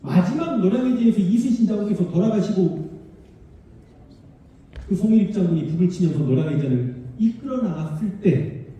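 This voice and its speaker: A man from the Honam region of Korea giving a public history lecture, animated and emphatic, talking directly to the audience in a large civic auditorium. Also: high voice, a little fast, long pauses, lo-fi sound. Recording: distant, very echoey hall sound.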